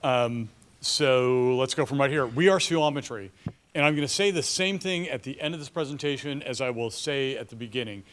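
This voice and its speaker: A man presenting a startup pitch to an audience as a company chief, speaking confidently and emphatically. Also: normal speed, fairly bright tone.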